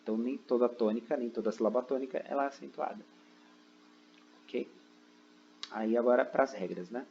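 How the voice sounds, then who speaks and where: A man gives a recorded online lesson at a computer indoors, explaining step by step and repeatedly asking "né?" and "ok?". His medium-pitched voice is creaky and dark in tone, moving at a moderate pace with frequent pauses. The audio is dull, with a little hiss or hum.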